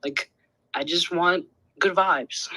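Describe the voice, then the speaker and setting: A young man, an artist and guest, chatting in a bubbly, fast way with frequent laughs and many fillers. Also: sits high, bright, forceful tone, dry recording, rough recording. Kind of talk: casual chat on a podcast.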